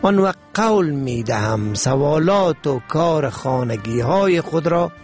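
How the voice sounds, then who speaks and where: A man voicing a poor, timid little schoolgirl with an Afghan Dari accent, pleading softly and shakily in a read-aloud story. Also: a little high, lively intonation, soft background music, close to an everyday voice. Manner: soft, trembling pleading.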